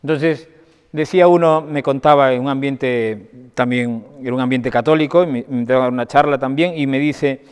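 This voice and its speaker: A man's voice: medium pitch, moderate pace, a little mellow, clean tone. A man, a doctor, giving a conversational talk to an audience and telling anecdotes while checking that his listeners follow. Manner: conversational, anecdotal, often asks the audience for agreement. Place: parish hall. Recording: long reverb of a hall.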